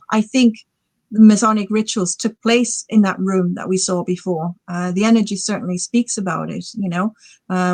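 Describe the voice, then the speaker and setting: A woman's voice: mid-range voice, dry recording. A woman in her forties, a guest author, talking casually on a podcast in a rambling, enthusiastic way full of fillers. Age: 40s.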